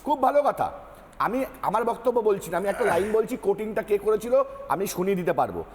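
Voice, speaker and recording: A male party spokesman with a high voice argues in a heated televised debate. He is defiant and insistent and repeats his points over the anchor. A long reverb hangs on his voice. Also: a little mellow.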